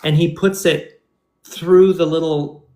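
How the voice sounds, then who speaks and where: A man's voice: a little high, steady tone, slow pace, darkish tone. A man hosting a casual interview, easygoing and supportive, telling stories in a rambling way. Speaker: host. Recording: roomy echo.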